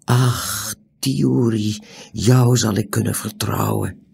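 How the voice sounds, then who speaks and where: A man voicing a mysterious hooded old man in an audiobook, in a whispered role-play, hushed, urgent and pleading. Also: fairly low pitch, fairly even intonation, slow, creaky, slightly rough, voice pushed up, heavily acted. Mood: secretive.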